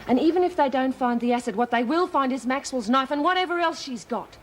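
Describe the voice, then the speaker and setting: A woman's voice: high voice, expressive, a little fast, a little hiss or hum. An actress playing a shrewd, level-headed female inmate who reasons firmly, in a television drama. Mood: calculating. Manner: reasoning, firm. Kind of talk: television prison drama acting.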